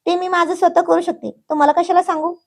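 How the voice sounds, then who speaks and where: A woman's voice: extremely high pitch, flat delivery, fast, voice pushed up. A woman voicing a stubborn, clingy young woman who whines and pleads in a childish sing-song. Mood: pleading.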